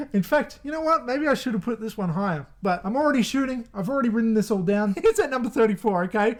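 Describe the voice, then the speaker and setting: High-voiced chatty man ranking movie deaths. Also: expressive, fast. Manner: chatty, rambling, laughs often. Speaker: horror movie YouTuber. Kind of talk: casual ranking commentary.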